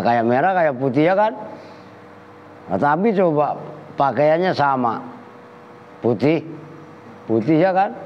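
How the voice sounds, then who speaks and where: Joking kyai in a hall. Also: male voice, medium pitch, slight background noise. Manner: joking, teasing students by name. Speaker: kyai teaching a kitab class. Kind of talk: Islamic lesson. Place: pesantren hall. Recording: lo-fi roomy hall recording.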